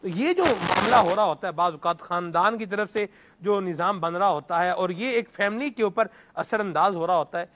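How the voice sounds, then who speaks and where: Guy with a high voice hosting a religious panel show, chatty, lots of filler words, kinda dull lo-fi sound. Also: noisy background. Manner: conversational, relating anecdotes with fillers. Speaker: talk show host.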